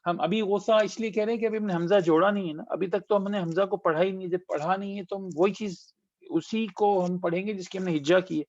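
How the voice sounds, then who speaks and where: A man teaching Quran recitation, spelling out syllables slowly and drawing them out, then explaining quickly and patiently. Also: sits high, steady tone, a little mellow, no echo, highs cut off.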